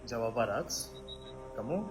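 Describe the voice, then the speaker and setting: A man's voice: mid-range voice, animated, a little slow. A man making casual small talk in short, simple Indonesian phrases as a learner. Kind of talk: casual chat. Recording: music playing behind.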